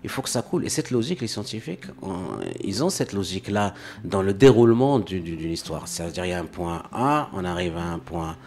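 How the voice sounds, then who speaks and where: A man's voice: sits low, a little fast, hardly any pauses, darkish tone. A man from Morocco, a guest in an interview, talking casually and often repeating words as he searches for phrasing.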